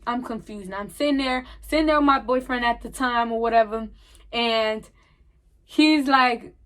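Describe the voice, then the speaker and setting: A young woman telling a storytime vlog in an animated way, acting out the dialogue. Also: on the high side, moderate pace. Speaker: vlogger.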